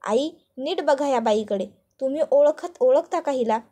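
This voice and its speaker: A woman's voice: high-pitched, normal speed, natural voice. Woman voicing an earnest young son-in-law. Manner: calm, questioning, reassuring.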